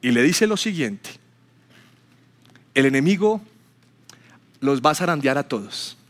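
A man's voice: medium pitch, lively intonation, unhurried, a bit bright. A man preaching a sermon to a church congregation, telling stories and acting out the people he quotes. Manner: storytelling, acts out quotes with rising voice. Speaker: pastor.

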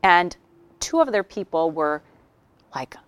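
Woman trainer addressing a workshop, lively storyteller, resonant lower voice, dry sound. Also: slow, clear, resonant tone, no echo. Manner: animated storytelling with acted quotes. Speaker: workshop speaker. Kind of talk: workshop talk to an audience.

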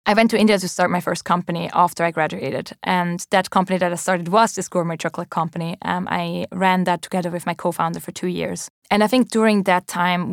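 A company founder in her twenties, a young woman with a German accent and a slightly low voice, answers interview questions earnestly and thoughtfully. She pauses on ums and restarts her sentences. The recording is dry and close-miked.

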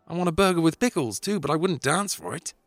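A man's voice: on the low side, lively intonation, brisk, no echo, faint music behind. A man voicing a brash, cocky young working-class New Yorker, in a storybook reading. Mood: incredulous. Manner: cocky, wisecracking.

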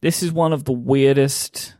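A man's voice: mid-range voice, fairly even intonation, unhurried, warm tone, no room sound, clean studio sound. A man co-hosting a podcast in casual chat, rambling and amused, with lots of fillers. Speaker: podcast co-host.

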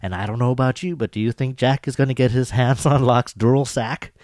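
A man's voice: mid-range voice, fairly even intonation, fairly quick, a little mellow, no room sound, clean studio sound. A man co-hosting a podcast, eagerly picking apart a TV episode at length in casual chat. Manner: eager, analytical, talks at length. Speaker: podcast co-host.

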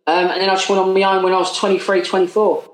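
Chatting casually on a podcast, a matey, working-class man from Essex, England, in his late thirties speaks with an Essex accent at a racing pace. His voice is high with little pitch movement, captured in a roomy, echoey space.

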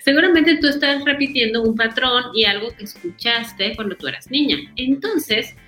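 A woman talks through parenting ideas in a podcast interview. Her voice sits fairly high and she explains calmly and patiently. The recording is roomy, with faint guitar music behind. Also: moderate pace. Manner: explains calmly, acts out scolding parents in a raised voice. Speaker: parenting guest expert.

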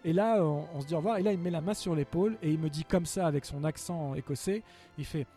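A man tells a story at a quick clip, his voice soft and mellow. He rambles and restarts, stacking fillers as he chats casually on a podcast, with faint music in the background. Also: a little high. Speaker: podcast host.

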